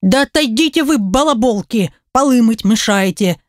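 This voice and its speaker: A woman's voice: on the high side, lively intonation, moderate pace, no echo, studio quality, natural voice. A woman reading an audiobook, voicing a grumpy, bossy old cleaning woman who scolds the girls around her. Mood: grumbling.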